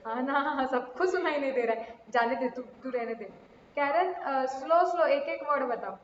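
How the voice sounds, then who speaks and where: A woman teaching accounting in a live online class, mixing Hindi and English, chatting with students and reading questions slowly. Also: high voice, roomy sound, long reverb tail, muffled recording, a little hiss or hum.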